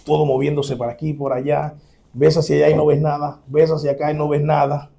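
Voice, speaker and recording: A male pastor, preaching an animated sermon and acting out the scenes he describes. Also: a little high, quick pace, creaky. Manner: animated preaching, dramatic re-enactment, chuckles.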